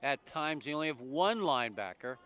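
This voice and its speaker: A man's voice: medium pitch, fairly quick. A man calling a college football game play by play, packed with stats and player numbers. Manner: energetic, stat-heavy play calling. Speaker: play-by-play commentator. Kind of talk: live football commentary.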